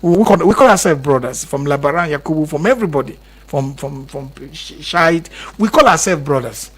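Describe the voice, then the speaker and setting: A man's voice: fairly high pitch, expressive, a little fast, slightly rough. A Nigerian man speaking as a radio guest, impassioned and repetitive, pushing harder as he stresses his points. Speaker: guest commentator. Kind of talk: radio interview.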